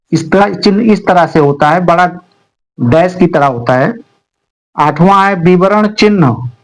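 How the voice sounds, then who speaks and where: An Indian man teaching a grammar lesson to students, explaining slowly and deliberately with many pauses. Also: high voice, low-quality recording.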